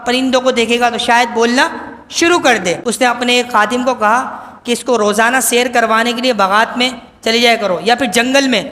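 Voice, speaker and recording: A high-pitched male preacher from Pakistan delivers a storytelling sermon. His bright, sharp voice keeps putting rhetorical questions to the listeners, and a long hall reverb trails behind every phrase. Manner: quizzes the audience with rhetorical questions.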